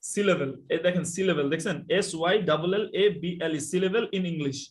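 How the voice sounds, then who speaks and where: A man teaching a live online English class, explaining quickly and telling students to mute their mics. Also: a little high. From Bangladesh.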